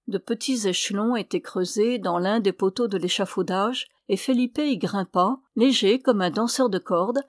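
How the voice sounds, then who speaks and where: A woman narrating a novel as an audiobook reader, in a steady, even storytelling read. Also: medium pitch, no room sound, studio quality. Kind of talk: scripted narration.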